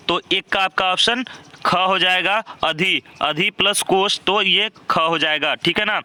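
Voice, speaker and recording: A young man teaching with a high, sharp, clear, and resonant voice works through exam questions step by step. After each answer he checks in with "right?", frequently repeating "thik hai na".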